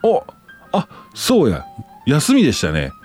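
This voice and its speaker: A man's voice: mid-range voice, wildly swooping pitch, a little slow, a little mellow, faint music behind. A man with a Kansai accent hosting a casual talk show, reading listener letters aloud and chatting about them with his own asides. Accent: Kansai Japanese. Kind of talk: casual chat.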